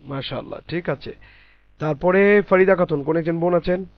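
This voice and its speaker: A man teaching Quran letter pronunciation in a class, patiently spelling out sounds slowly and repeating them. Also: on the high side, dry recording, narrow, tinny audio.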